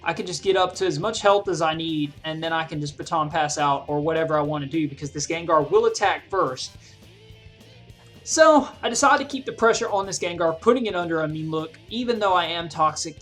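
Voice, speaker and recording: Talking quickly with lively intonation, this video creator narrates their own battle over background music, reasoning out every move as it happens. Their pitch is medium and the tone slightly bright.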